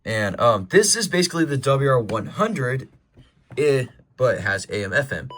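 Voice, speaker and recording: With lively intonation and a moderate pace, a man presents his weather radio collection, chatting informally and opinionatedly as he rambles. His mid-range voice is a bit bright, and there's slight background noise.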